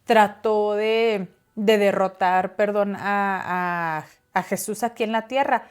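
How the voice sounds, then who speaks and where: A woman's voice: mid-range voice, slow, clean tone. A woman co-hosting a casual Bible discussion, reading verses aloud and explaining them. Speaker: Bible study co-host.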